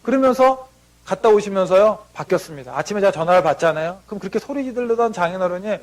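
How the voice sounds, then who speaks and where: A man's voice: high-pitched, expressive, fast talker. A man giving a motivational seminar talk before an audience, telling family stories and acting out what relatives said. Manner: anecdotal, acts out family members' lines in quotes.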